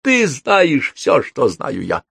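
A man voicing a worn-out young wizard with a cold in a storybook reading, hoarse and sardonic. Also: medium pitch, wildly swooping pitch, takes it slowly, fairly bright tone, no room sound, clean studio sound, pitched above the performer's own voice, heavily acted. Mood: tired. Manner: tired, sardonic.

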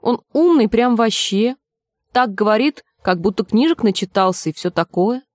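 Woman reader as a slow, vague, slangy young maid, a bit high. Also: animated, a little mellow, no echo, studio quality, close to an everyday voice. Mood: dreamy. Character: dim, dreamy young woman kitchen maid.

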